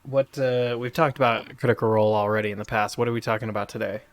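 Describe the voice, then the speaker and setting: A man's voice: lowish voice, flat delivery, quick pace. A man chatting casually as a podcast co-host with dry, joking understatement, his voice echoing in an empty room. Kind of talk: casual chat. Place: empty room with bare walls and a desk. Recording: echoey bare room.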